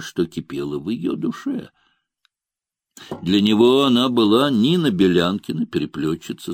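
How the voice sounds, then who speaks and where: A man narrates a classic novel at an unhurried pace. His reading is expressive, his pitch moving freely up and down. The recording is close and dry. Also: creaky, dry recording. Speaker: audiobook narrator. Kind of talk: literary audiobook narration.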